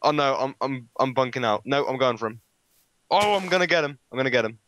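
A man's voice: medium pitch, quick pace, no room sound. A man in casual gaming chat, laughing and calling out his moves. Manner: laughs a lot, excited play-by-play. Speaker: gamer.

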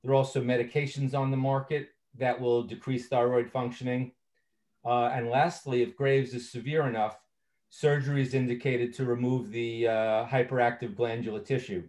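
A man's voice: medium pitch, little pitch movement, moderate pace, darkish tone. A man presenting a recorded medical training lecture in a conversational way, with many fillers and self-corrections.

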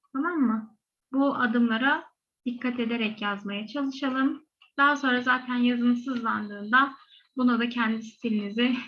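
A woman's voice: on the high side, muffled recording. A woman with a Korean accent teaching a language lesson patiently, repeating each example word two or three times. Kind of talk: slow step-by-step lesson, repeating example words.

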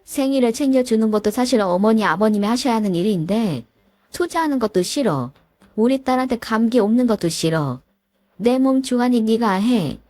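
A domineering older mother-in-law scolds in a sharp, commanding way, as a woman reads her in a fairly high voice. The recording is dry and close, with no room sound. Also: expressive, normal speed, no echo. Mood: scolding.

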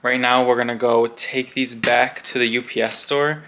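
A young man talks straight to a close camera at home, loose and rambling, his "likes" tumbling out. His voice is bright and forward, with a faint hiss of noise behind it. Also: medium pitch, steady tone, moderate pace. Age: young adult. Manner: chatty and rambling, lots of "like". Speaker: vlogger. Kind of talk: casual vlog chat to camera. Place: home bathroom and bedroom, also car.

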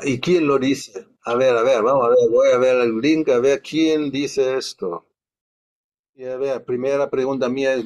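A man's voice: mid-range voice, a little mellow. A man teaching a study class in a conversational way, thinking aloud and questioning as he goes.

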